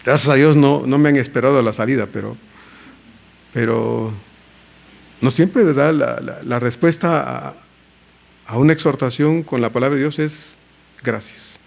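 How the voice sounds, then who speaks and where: A man preaching a sermon as pastor, animated and acting out the quotes he tells. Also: medium pitch, normal speed, vocal fry, pauses often.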